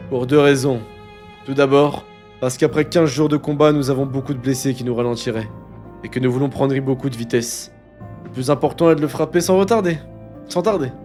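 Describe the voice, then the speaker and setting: A man doing a composed, calculating officer who lays out his plan in a slow, measured island accent. The voice stays calm and deliberate, reading from a manga, with a faint wash of music behind it. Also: mid-range voice, natural voice. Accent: Caribbean-style put-on.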